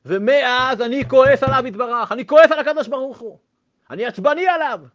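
A man's voice: sits high, sing-song. A man doing a fiery, furious old man. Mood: bitter. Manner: shouting, agitated. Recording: dull lo-fi recording.

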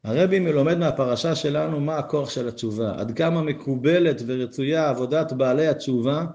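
A man with a somewhat high voice teaches a Torah lesson. He reads passages and explains them earnestly. His pitch climbs whenever he drives a point home. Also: darkish tone. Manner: earnest, rises in pitch to stress key points.

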